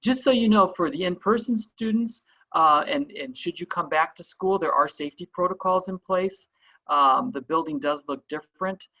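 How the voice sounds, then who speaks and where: A man's voice: high voice, normal speed, pushed and bright, rough recording. A man gives an online school orientation as principal, explaining things in a reassuring way.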